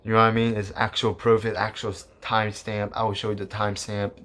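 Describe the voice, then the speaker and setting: Young male vlogger, lower-pitched, loose rambling storyteller with lots of fillers. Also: little pitch movement, fast talker, fairly bright tone. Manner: rambling, many fillers and restarts, casual swearing. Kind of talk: casual storytelling to camera.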